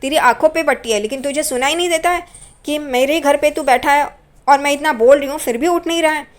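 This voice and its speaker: Woman doing an angry aunt, high, shrill, loud scolding, sharp-tongued. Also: animated, normal speed, lightly acted.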